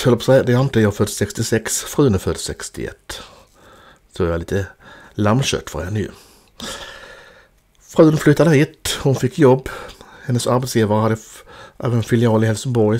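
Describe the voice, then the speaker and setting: A man's voice: lowish voice, a little mellow. A man in his fifties from Sweden narrating a voice-over about his life and travels in a chatty, self-mocking way. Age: 50s. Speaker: vlogger.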